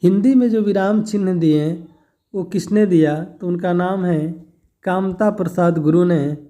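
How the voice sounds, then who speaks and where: A man's voice: high voice, a little slow, warm tone. A man teaching a grammar lesson for exam preparation, explaining step by step and answering his own questions.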